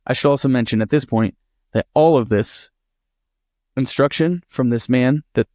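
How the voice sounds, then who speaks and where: A man co-hosting a podcast, telling a true-crime story in a casual, animated and profane way. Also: medium pitch, moderate pace, dry recording, studio quality. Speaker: podcast co-host.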